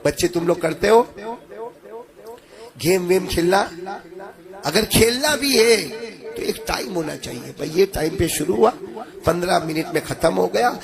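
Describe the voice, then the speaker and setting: A man's voice: high voice, animated, measured pace, gravelly, long pauses, a crowd in the background. A man preaching a religious sermon to a gathering, impassioned and rising into a chanted sing-song, his voice a bit strained. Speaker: Islamic preacher. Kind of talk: Urdu-Hindi religious sermon.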